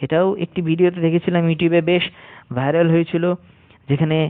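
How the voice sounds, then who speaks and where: A man teaching English pronunciation, spelling words out letter by letter and repeating each rule slowly and deliberately. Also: a little high, little pitch movement, no echo. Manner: slow, deliberate, repeats rules for emphasis. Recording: dry, tinny phone-like sound.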